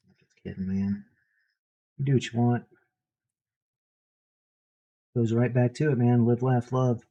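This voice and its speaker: Tattoo artist talking as he works; mumbled, sarcastic, husky and mellow. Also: mid-range voice, normal speed, muffled recording. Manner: mumbling, wry, sarcastic asides. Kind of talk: casual talk while working. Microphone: stand mic set for standing.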